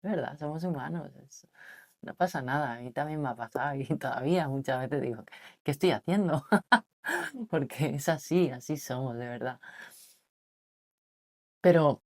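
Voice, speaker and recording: A woman with a slightly husky, mature voice, talking softly and reflectively to camera and asking the listener rhetorical questions. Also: animated, normal speed, pauses often. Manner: speaks softly and lowered on purpose, asks the listener rhetorical questions. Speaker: vlogger on relationships. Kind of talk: reflective personal talk to camera.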